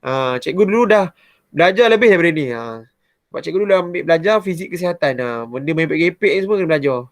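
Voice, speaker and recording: A man with a Malaysian Malay accent, a primary science teacher explaining a lesson to his pupils in a chatty, animated way. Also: on the high side, very fast, dry recording, studio quality. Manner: chatty and animated, often starting with "ha".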